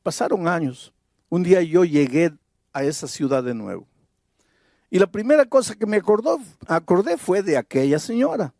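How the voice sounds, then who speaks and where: A man's voice: high voice, sing-song, moderate pace, mellow, dry recording, clean studio sound. A man preaching a sermon as pastor, telling a story and then building to fervent, emphatic exhortation.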